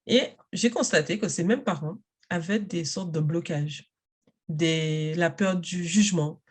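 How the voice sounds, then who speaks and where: A woman, a native English speaker, talking in a casual interview about coaching parents and adults in English, in an energetic and emphatic way. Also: fairly low pitch, unhurried, husky. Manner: energetic, emphatic, self-assured.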